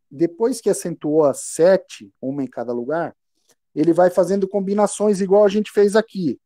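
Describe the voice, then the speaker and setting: A man's voice: high voice, dark tone, no room sound, clean studio sound. A man with a Brazilian Portuguese accent teaching percussion online, explaining patiently and chanting rhythm syllables aloud. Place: home room.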